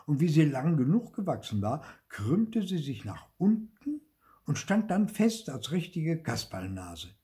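An older man reads a children's story aloud at an unhurried pace. His mellow voice rises and falls with lively expression, making each scene vivid. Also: on the high side.

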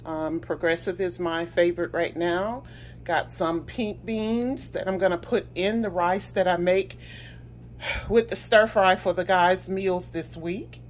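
Middle-aged lady rambling thru her grocery haul, lowish voice, kitchen phone vid w a little hiss. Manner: chatty, rambling, many ums and restarts. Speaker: vlogger. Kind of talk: casual grocery haul show-and-tell. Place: home kitchen, indoors.

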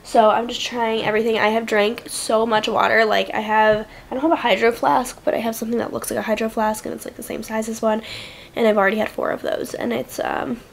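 Young woman, 20s, lifestyle vlogger, sick with a cold: congested, sore throat, slightly high and gravelly, casual chat to camera. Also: level tone, a little fast, slight background noise. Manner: speaks quietly to spare her throat. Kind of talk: casual vlog talk to camera. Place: apartment in New York, then out around the city.

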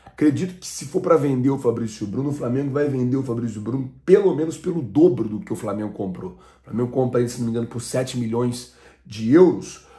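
A man in his thirties, from Brazil, hosts a casual football fan vlog at a middle pitch. He rambles and circles back on his points, with plenty of fillers. He is recorded close to a webcam in a small home room. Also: warm tone. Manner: rambling, repeats himself, many fillers. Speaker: football channel host.

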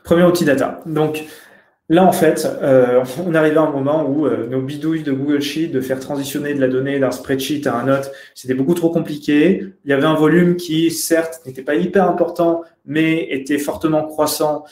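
A man's voice: a little high, steady tone, normal speed, a little mellow. Man presenting slides in an echoey room. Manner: hesitant, many fillers and restarts. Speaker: conference speaker. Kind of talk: webinar presentation over slides. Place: indoor room. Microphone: webcam video call. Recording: roomy webcam audio.

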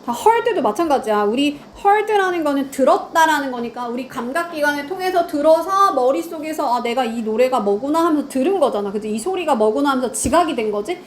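High-voiced woman quizzing students. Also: expressive, a little fast, hardly any pauses, a little hiss or hum. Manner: quizzing, answers own questions. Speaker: English grammar teacher. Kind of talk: online lecture to students.

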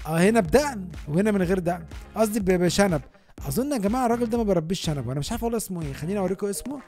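An Egyptian man rattles off gaming commentary at a quick clip, chatting straight to his viewers. His pitch leaps up and down as he reacts. Faint music plays underneath his voice. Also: expressive, a little mellow. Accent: Egyptian Arabic. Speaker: gaming YouTuber.

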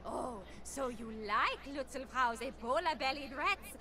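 A woman's voice: high voice, expressive, a little slow, bright, forceful tone, a little hiss or hum, exaggerated voice. A woman playing a brash, crude witch street vendor in a video game, wheedling and foul-mouthed.

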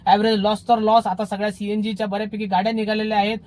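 A man's voice: high-pitched, flat delivery, fast, a little mellow, slight background noise. A man, a driving instructor giving casual advice in a vlog, earnest and repetitive as he pleads with his listeners.

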